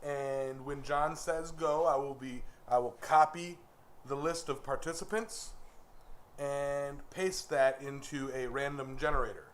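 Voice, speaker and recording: A man's voice: medium pitch, steady tone, unhurried. A man with a folksy, informal manner, chatting casually with viewers as a livestream host. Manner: folksy, informal address to the audience. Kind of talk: casual live-stream chat with viewers. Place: forge workshop. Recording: echoey workshop, loud background noise.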